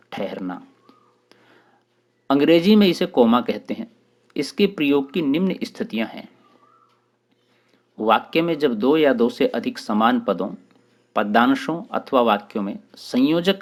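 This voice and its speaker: Man teaching Hindi grammar, measured. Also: medium pitch. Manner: explanatory, lists terms one by one with short pauses. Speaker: teacher and channel host. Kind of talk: grammar lesson for exam preparation.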